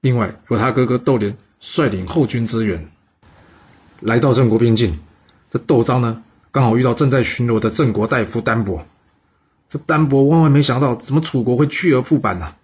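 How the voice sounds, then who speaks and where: A man telling a historical story with lively, dramatic narration, in a husky voice on a dull recording. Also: mid-range voice, moderate pace.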